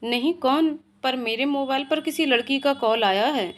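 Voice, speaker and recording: A woman's voice: high-pitched, moderate pace, lightly acted. A woman voicing a polite young man. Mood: puzzled. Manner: polite, soft-spoken. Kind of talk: storybook narration.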